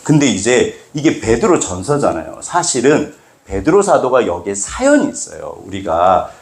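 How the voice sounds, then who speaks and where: A man preaching a sermon as pastor, animated and acting out scripture quotes. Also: lowish voice, moderate pace, echoey room. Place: church sanctuary.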